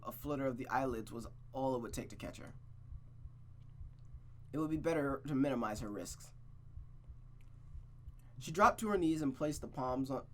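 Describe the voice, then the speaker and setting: A streamer with a medium-pitched voice reads a visual novel aloud, narrating dramatically and dropping into casual, sweary asides. He's expressive and reactive, stumbling and rereading lines, with slight background noise behind him.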